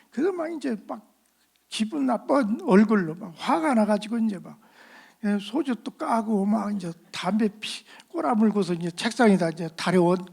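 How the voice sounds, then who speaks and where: A middle-aged man preaching, telling a personal testimony in a lively storytelling manner and acting out the voices of the people in it. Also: high-pitched, creaky, breathy edge. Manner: animated storyteller acting out quoted voices, laughing at himself. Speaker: pastor. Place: church sanctuary.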